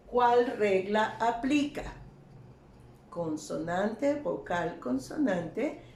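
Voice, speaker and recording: A woman's voice: medium pitch, a little mellow. A woman teaching English grammar in an online lesson, explaining step by step and checking in with her students. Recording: echoey room, faint ambient noise.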